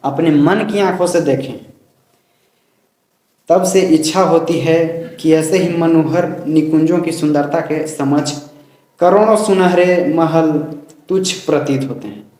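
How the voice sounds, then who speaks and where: A man teaching a poetry lesson in a casual, chatty way, slowly reciting verses and explaining them line by line. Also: on the high side, darkish tone. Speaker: coaching teacher. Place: home room, dog barking outside. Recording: echoey room.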